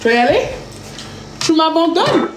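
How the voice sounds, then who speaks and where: Playful high-pitched woman, casual livestream host cooking at home; very echoey room with background noise. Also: big pitch swings, moderate pace. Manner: playful, sings and chants to herself. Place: home kitchen.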